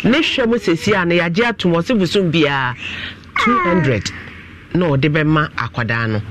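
A man with a Ghanaian accent, a pastor questioning family members in a dispute in an animated, coaxing manner. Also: a little high, moderate pace, noisy background. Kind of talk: mediating a family dispute on a broadcast.

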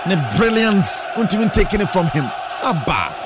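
Male Ghanaian football commentator, high-pitched and excitable, repetitive bursts, heavy crowd noise behind. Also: normal speed, shouting. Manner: excitable, repeats words and names in bursts.

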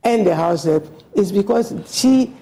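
A woman with a gravelly, mellow voice and a creak running through her words. She talks as a passionate radio guest, slipping into a preachy tone and acting out the voices of the people she quotes. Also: medium pitch, animated, a little slow, low-quality recording. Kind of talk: earnest radio discussion.

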